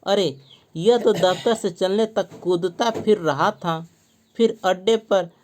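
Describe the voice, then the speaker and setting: A woman reading out the lines of a worried father of a sick young boy in a school play lesson, in a slow, patient read-aloud manner. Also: mid-range voice, a little mellow, a little hiss or hum, close to an everyday voice.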